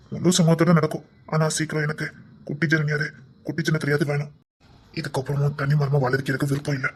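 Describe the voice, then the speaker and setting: A man's voice: fairly high pitch, breathy edge. A man voicing a pushy, devoted young suitor, murmuring half-whispered in an amateur audio drama. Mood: earnest.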